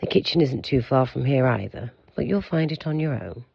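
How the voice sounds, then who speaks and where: Voicing an aloof, pompous keeper of a monster institute in an audio drama, this man sounds gravelly, husky, and animated while staying formal, informative, measured, and curt. The recording is dry with a lo-fi sound.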